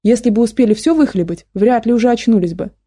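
A woman's voice: a little high, fast talker, dark tone, no echo, studio quality, lightly acted. A woman voicing a grumpy, bossy female doctor who grumbles and gives orders, in an audiobook. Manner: gruff, demanding.

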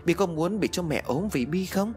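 A man voicing a patient older Buddhist master who gently coaxes a ghost child in a spoken ghost story. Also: high-pitched, expressive, normal speed, soft background music, voice pushed up. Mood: coaxing. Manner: soft, patient, persuasive.

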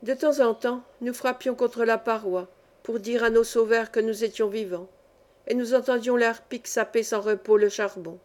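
Audiobook narrator: woman, fairly high voice, measured storytelling. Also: darkish tone. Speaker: audiobook reader. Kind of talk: scripted narration of a classic novel.

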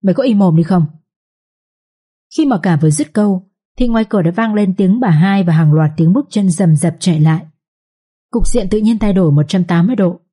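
A woman narrating a dramatic story in a steady storytelling manner. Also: mid-range voice, fairly quick, breathy edge.

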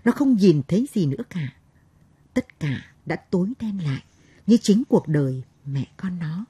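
Husky woman narrating a novel. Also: on the low side, animated, measured pace, dark tone, no room sound. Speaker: audiobook narrator.

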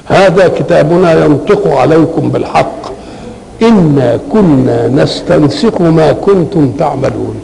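An older man with an Egyptian Arabic accent, explaining Quranic verses in a conversational lecture, asking questions and answering them himself, slowing down to recite. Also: sits high, gravelly, mellow, a little hiss or hum, poor audio. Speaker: Quran commentator. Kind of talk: colloquial Quranic exegesis lecture.

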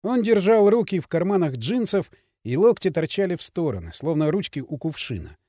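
A male audiobook narrator with an expressive, dramatic delivery. His pitch sits a bit high and moves widely, and his tone is dark and mellow. The recording is dry, with no room sound. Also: fairly quick, no echo. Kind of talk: scripted narration.

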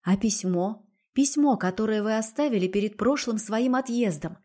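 A woman's voice: mid-range voice, normal speed, dark tone, close to an everyday voice. A woman voicing an emotional young noblewoman who stays dignified through tears. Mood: tearful firm. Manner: tearful yet dignified.

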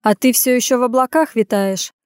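A woman's voice: on the high side, fairly quick, a little mellow, smooth, dry recording, clean studio sound, close to an everyday voice. A woman reading the lines of a grown bearded man who speaks bluntly and bossily, with a teasing edge. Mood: gruff. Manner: blunt, bossy remarks.

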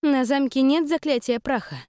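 A woman's voice: high-pitched, normal speed, warm tone, no room sound, studio quality, voice pushed up, close to an everyday voice. A woman reading an audiobook, voicing a gloomy young noblewoman in a plaintive, sulky tone. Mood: puzzled. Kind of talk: audiobook character voice.

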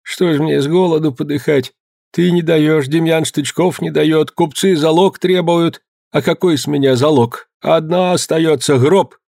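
A man voicing a creaky, begging poor peasant. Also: mid-range voice, lively intonation, moderate pace, few pauses, warm tone, no room sound, studio quality. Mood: pleading. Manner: begging, plaintive. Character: poor pleading male peasant, hungry and humble.

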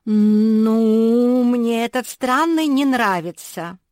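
A woman voicing a spoiled, snobbish little Labrador puppy girl in a storybook, with a shrill, haughty manner. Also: lively intonation, unhurried, no echo, studio quality, close to an everyday voice. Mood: pleading.

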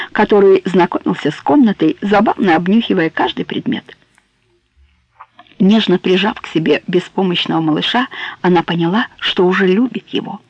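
Husky woman narrating a novel. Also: mid-range voice, a little mellow, no room sound. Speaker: audiobook narrator. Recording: dull, dry close recording.

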